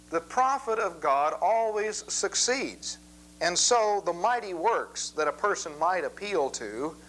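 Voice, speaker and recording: A man teaching a Bible lesson in a measured, methodical way, reading scripture passages aloud. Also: sits high, a bit bright, a little hiss or hum, rough recording.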